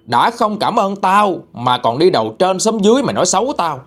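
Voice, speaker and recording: A man's voice: on the high side, big pitch swings, normal speed, voice pushed up. A man voicing a vengeful teenage boy ghost who has possessed a woman, snarling through his teeth. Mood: spiteful rage.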